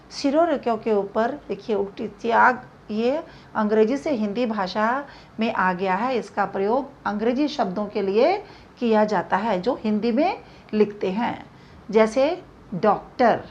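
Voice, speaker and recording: A woman teaching a grammar lesson, speaking slowly and deliberately and spelling out each example. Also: on the high side, expressive. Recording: dull lo-fi recording.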